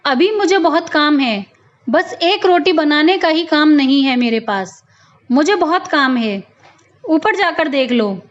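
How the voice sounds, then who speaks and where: A curt, irritated young daughter-in-law, as a woman narrator puts her on speaks in a very high, thin voice. She bites off each slow line with impatience. The storybook recording sounds a little dull and lo-fi. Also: expressive. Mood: curt, scolding. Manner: snapping, irritated scolding. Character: sharp-tongued young elder daughter-in-law, scolding and impatient.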